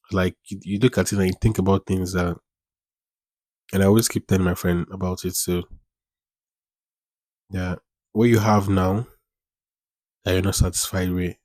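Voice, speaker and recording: A man in his twenties hosts a casual solo podcast, rambling, repeating phrases, and using informal slang. His voice is deep with a darkish tone, and there's no room sound.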